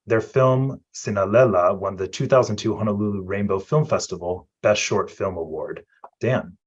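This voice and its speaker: A man moderating a panel reads a formal introduction of the next speaker. His voice sits low, and the audio comes through dull and lo-fi. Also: normal speed, husky.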